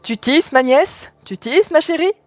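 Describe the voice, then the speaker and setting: A woman's voice: sits high, lively intonation, unhurried, no echo, faint music behind, pitched above the performer's own voice. A woman voicing Baba Yaga, a cruel old witch in a storybook tale, coaxing and sly.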